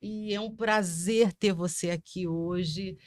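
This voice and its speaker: A woman's voice: fairly low pitch, fairly even intonation, takes it slowly, darkish tone. A Brazilian woman hosting a psychology podcast, speaking directly and encouragingly to her viewers. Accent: Brazilian Portuguese. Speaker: podcast host. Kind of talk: closing a psychology podcast episode.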